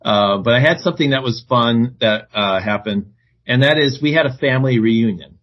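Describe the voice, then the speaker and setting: A man co-hosting a casual podcast chat from the road over a weak internet connection without his headset, his voice coming through as low-quality stream audio. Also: moderate pace. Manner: chatty, poses questions to the group. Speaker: podcast co-host. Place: on the road, away from home. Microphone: no headset, built-in device mic. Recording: dull lo-fi internet call audio.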